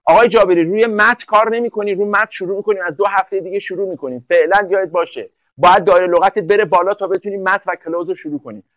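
A male English teacher giving an online class lecture. He fires quick questions at the class, often answers them himself, and slows down to spell out example sentences. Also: sits high, a bit bright, dry recording, low-quality recording.

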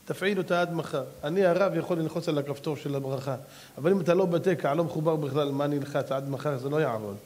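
Male rabbi, high-pitched voice, fervent sermon, shifts from earnest to shouting. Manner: impassioned, swings from low earnest tones to high shouted exclamations; addresses the audience directly as "gentlemen" and "brother". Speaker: rabbi giving a public lecture. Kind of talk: animated Torah lecture with storytelling.

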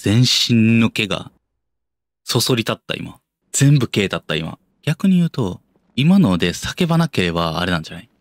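A young man with a Kansai accent plays through a horror game, keeping his voice low and then yelping when startled. His pitch swings all over the place. The sound is dry and close, with no room echo. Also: sing-song, moderate pace. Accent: Kansai Japanese. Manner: jumpy, yelps and mutters to himself, talks himself down. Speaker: game streamer.

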